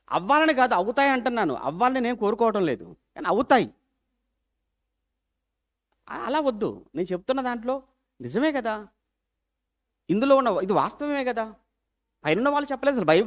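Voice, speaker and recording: A man preaching a sermon as pastor, animated, firing rhetorical questions and swinging from loud appeals to hushed asides. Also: very high-pitched.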